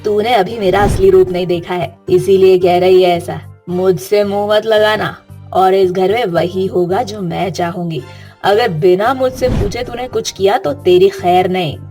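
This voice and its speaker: A woman's voice: medium pitch, steady tone, normal speed, dark tone, soft background music, lightly acted. A woman voicing a domineering older mother-in-law in a cartoon story, who talks in a harsh, scolding way.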